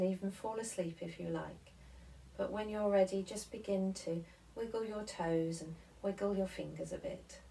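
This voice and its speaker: Woman doing a gentle guided meditation, really slow, mellow voice, mic a bit far off. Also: medium pitch, vocal fry, slight background noise. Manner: gentle, soothing, unhurried instruction with pauses. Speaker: guided relaxation and devotional movement leader.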